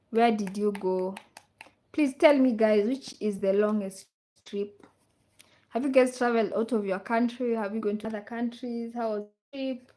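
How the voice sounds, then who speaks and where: A woman's voice: on the high side, a little mellow. Woman chatting with livestream viewers. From Kenya. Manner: reads viewer comments aloud, repeats questions to the audience. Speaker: livestream host. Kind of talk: casual live chat with viewers.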